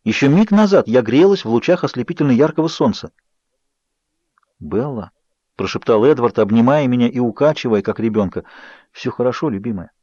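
A man narrating an audiobook in an expressive, measured voice. The recording is dry, with a slightly dull, muffled tone. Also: medium pitch, dry recording. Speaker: audiobook reader. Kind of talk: scripted narration.

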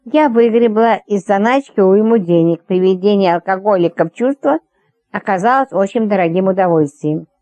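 A woman reads a first-person story with wry, brisk storytelling. Her voice is mellow and warm-toned, and the recording is dry and close with no room sound. She keeps an even, middle pitch. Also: dry recording. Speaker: audiobook narrator. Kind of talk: scripted first-person narration.

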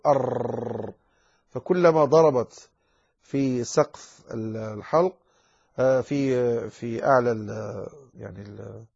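A man teaching a recitation lesson, explaining rules patiently and pausing with drawn-out fillers while he models correct and wrong readings. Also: medium pitch, lo-fi sound. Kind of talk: tajweed lesson with recited examples.

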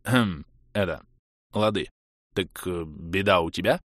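A man voicing a rough, brash young male friend who talks in blunt slang, in an audiobook reading. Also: deep voice, slow, no room sound, studio quality. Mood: casual.

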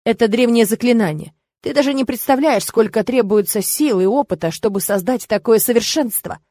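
A woman voicing a mocking, menacing male demon in an audiobook, speaking with calm, smug sneering. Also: on the high side, fairly quick, dry recording, natural voice. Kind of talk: audiobook character reading.

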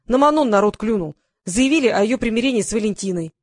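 A woman voicing a skinny panicking man in jeans who yells rudely. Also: fairly high pitch, animated, fast talker, no echo. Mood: panicked. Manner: yelling, rude.

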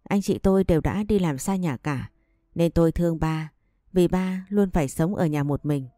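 A woman calmly narrating a first-person family story. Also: on the low side, normal speed, dry recording, clean studio sound, soft background music.

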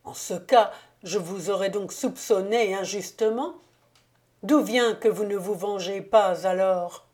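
A woman voicing a distraught, violent-tempered count in an audiobook, with a lower, bewildered, stammering delivery. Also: slow, dark tone. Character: distraught violent male count, middle-aged. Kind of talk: audiobook reading.

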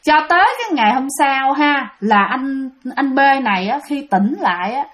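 A woman's voice: high-pitched, lively intonation, normal speed, a bit bright. A woman telling a ghost story in a chatty way, often speaking directly to her listeners. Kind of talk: spoken ghost-story narration.

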